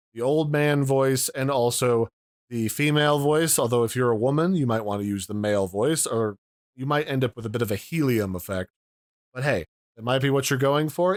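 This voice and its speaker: A medium-pitched man, recorded at home in a room with no echo and studio-quality sound, gives a casual demo of audio mixers. As a tech reviewer, he explains the gear and points out its controls.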